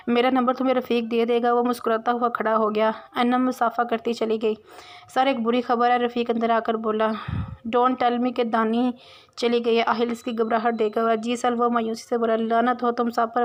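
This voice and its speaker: A woman reading a romance novel aloud as narrator, voicing every character's dialogue in her own voice. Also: a little high. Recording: dull lo-fi recording.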